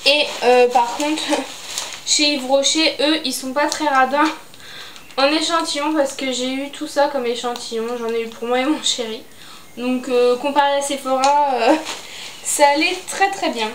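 A woman's voice: high-pitched, measured pace. A young adult woman chatting casually about her beauty and fashion purchases, hesitant with lots of fillers. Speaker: beauty vlogger. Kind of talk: casual haul chat. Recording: echoey room, faint noise.

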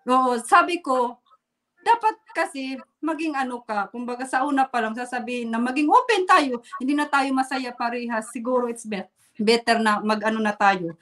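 A Filipina woman from the Philippines, a guest telling a painful personal story in a halting way, holding back tears and laughing nervously. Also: fairly high pitch, fairly bright tone. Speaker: interview guest. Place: Germany.

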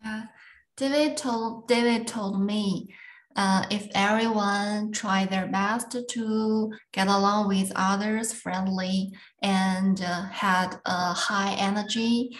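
A woman student talks slowly and hesitantly on a video call, with simple phrasing. Her voice is echoey and roomy. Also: medium pitch, fairly even intonation. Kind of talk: class discussion.

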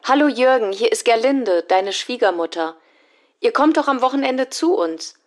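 A woman's voice: on the high side, expressive, normal speed, close to an everyday voice. An actress playing a friendly woman who leaves a carefully articulated answering machine message. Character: friendly woman leaving a private phone message. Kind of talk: scripted answering machine message for a German listening exercise.

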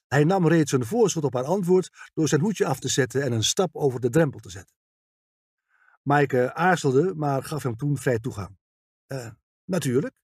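A man's voice: fairly high pitch, darkish tone, breathy edge, dry recording, clean studio sound. A man narrating a detective audiobook, reading expressively and voicing all the characters.

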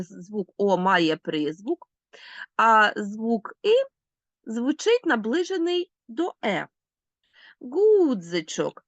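A woman teacher giving a recorded language lesson to schoolchildren, pronouncing example words slowly and deliberately. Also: medium pitch, dry recording, lo-fi sound. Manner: clear, deliberate enunciation, slowing to spell out sounds.

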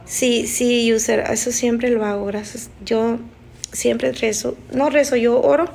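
A woman on a live stream telling a frightening personal story in a halting, emotional way, often restarting her sentences. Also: a little high, steady tone, vocal fry, darkish tone, a little hiss or hum. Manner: halting, emotional, with frequent restarts and nervous laughs. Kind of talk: casual spoken storytelling.

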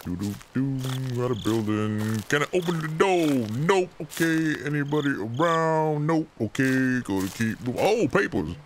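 A man's voice: a little high, lively intonation, moderate pace, hardly any pauses, a little hiss or hum. Jittery young man humming through a horror game. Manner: talks to himself, hums nervously, jokey and jumpy. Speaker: let's play gamer. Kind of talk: horror game let's play commentary.

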